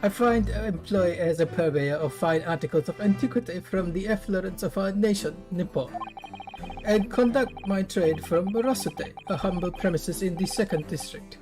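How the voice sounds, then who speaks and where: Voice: mid-range voice, normal speed, pitched above the performer's own voice, natural voice. A streamer voicing a fussy old male antique dealer in a game voiceover, pompous and flowery. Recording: game music behind. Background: game music.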